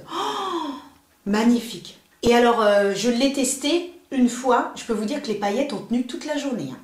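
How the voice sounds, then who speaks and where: Gushing beauty vlogger, middle-aged woman, high voice, roomy salon sound. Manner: chatty, gushing, many fillers. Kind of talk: casual makeup tutorial chat.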